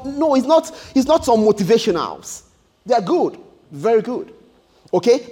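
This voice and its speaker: A man preaching a sermon in an emphatic, repetitive way, often restarting his words. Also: high-pitched.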